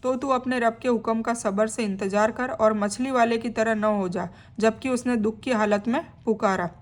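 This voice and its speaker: Woman, fairly high voice, steady teaching read of a scripture translation with plain-spoken explanation. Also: normal speed. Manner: reads a passage, then explains it in plain conversational words; adds friendly check-ins to the listener. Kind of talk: reading a scripture translation with commentary.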